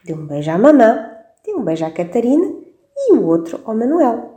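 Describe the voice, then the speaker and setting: A woman storyteller reading a children's story aloud on the radio in a lively, expressive way. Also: fairly high pitch, fairly quick. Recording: roomy echo.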